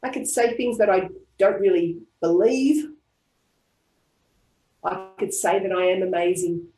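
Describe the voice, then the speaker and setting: Australian woman, tapping practitioner; calm, repetitive guided affirmations; mid-pitched voice; roomy, echoey sound on an online call. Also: a little slow. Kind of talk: guided group tapping session. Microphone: online video call. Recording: roomy echo.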